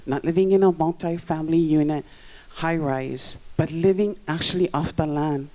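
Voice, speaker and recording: A middle-aged community member with a Hawaii accent speaks at a public meeting in a community center room. The voice is dark and mellow, the delivery earnest and emphatic, leaning on repeated words to drive points home. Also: medium pitch, moderate pace. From Waianae coast of Oahu, Hawaii.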